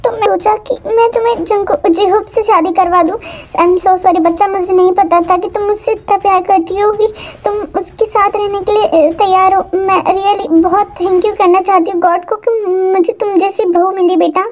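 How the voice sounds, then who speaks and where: A woman voicing a slow, apologetic mother. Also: very high voice, steady tone. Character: remorseful mother, gentle and apologetic.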